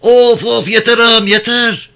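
A man voicing a male village mullah who wails loudly as if being beaten. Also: very high-pitched, little pitch movement, a little slow, vocal fry, pitched above the performer's own voice, exaggerated voice. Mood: wailing. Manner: loud theatrical wailing. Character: village mullah, man, pretending to wail under beating.

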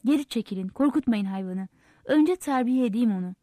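A woman voicing a hasty male stable hand who shouts orders to the crew in a read-aloud story. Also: a little high, expressive, fairly quick, dry recording, studio quality. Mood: commanding. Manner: barking orders.

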